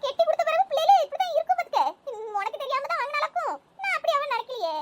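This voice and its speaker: A woman voicing chatty village women in an animated cartoon comedy, in a squeaky sped-up tone. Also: very fast. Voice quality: very high, sped-up chipmunk-like tone. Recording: loud background hiss.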